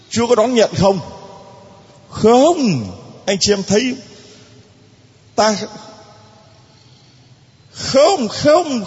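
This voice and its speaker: A man's voice: high-pitched, slightly rough, long reverb tail, highs cut off. A male priest preaching a sermon to a congregation, emphatic and dramatic, with heavy repetition. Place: church.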